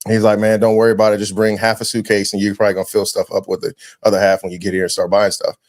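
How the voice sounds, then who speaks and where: A man hosting a podcast, chatting casually and telling lively stories, dropping "man" often. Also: on the low side. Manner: animated storyteller, quick, slangy, says "man" a lot. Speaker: podcast host.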